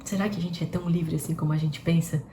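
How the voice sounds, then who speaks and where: A woman's voice: low voice, fairly even intonation, quick pace. A woman giving a devotional live-stream talk, asking her viewers rhetorical questions in a conversational way. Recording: roomy with faint background noise.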